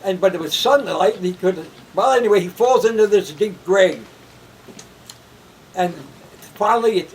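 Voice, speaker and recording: A man's voice: high voice, far from the mic, slight background noise, low-quality recording. A man telling jokes casually at a family gathering and laughing at his own punchlines.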